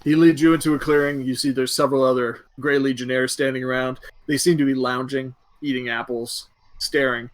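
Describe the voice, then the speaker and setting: A man's voice: mid-range voice, fairly even intonation, a little fast. A man narrating a tabletop game as game master, easygoing and descriptive, with fillers.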